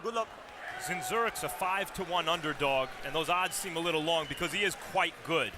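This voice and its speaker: A man's voice: fairly high pitch, fairly quick. A man giving analytical, considered live boxing commentary from ringside. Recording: clear arena noise behind.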